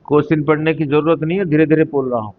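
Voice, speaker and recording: A man teaching a physics class, explaining slowly and deliberately and often asking his students whether they follow. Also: fairly high pitch, steady tone, narrow, tinny audio. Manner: slow, deliberate explaining, mixing Hindi and English, asking the class questions. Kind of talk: classroom lecture on a whiteboard.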